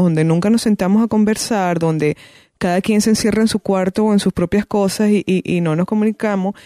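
A woman's voice: mid-range voice, dark tone, no echo, clean studio sound. A woman speaking as a guest on parenting, thoughtful and conversational, often restarting her phrases. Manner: thoughtful, many restarts and fillers. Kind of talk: conversational advice.

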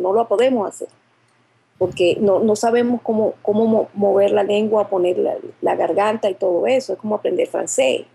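A woman therapist explains things at length on a panel talk show, often restarting her sentences. Her voice is gravelly, husky and mellow. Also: medium pitch, poor audio. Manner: explanatory, full of fillers and restarts. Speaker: therapist guest.

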